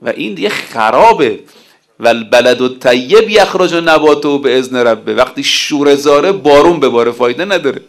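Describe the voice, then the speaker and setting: Guy giving a sermon, slow drawn-out verse recitation then chatty explaining. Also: medium pitch, lively intonation. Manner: recites Arabic verses slowly, then explains in colloquial speech. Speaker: preacher.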